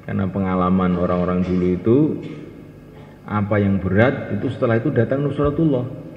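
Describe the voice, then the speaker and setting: A man with a low voice preaches a lively sermon, often turning to his listeners with rhetorical questions. His voice rings through a large hall with a long echo. The recording sounds dull and lo-fi. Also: brisk, slight background noise. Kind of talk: sermon to a congregation.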